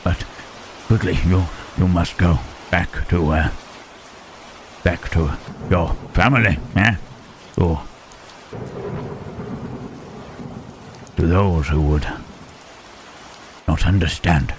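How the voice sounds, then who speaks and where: A man playing Frankenstein's monster as a lonely, gentle creature in intimate ASMR roleplay, halting and tender, with formal wording. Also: sits low, slight background noise. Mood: hesitant, gentle. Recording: rain and thunder behind the voice. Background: rain and thunderstorm.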